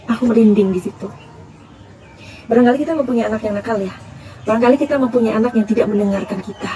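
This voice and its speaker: A woman's voice: fairly high pitch, quick pace, mellow, a little hiss or hum. A middle-aged woman reading tarot cards in a chatty, advising way, calling her listeners "dear". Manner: chatty, calls listeners "sayang", counsel-giving. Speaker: tarot reader.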